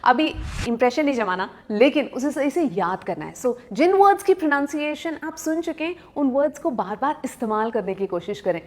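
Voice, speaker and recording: A young woman giving a casual, playful pronunciation lesson, slowing right down to model each word. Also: high voice, very animated, a little mellow. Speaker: pronunciation teacher.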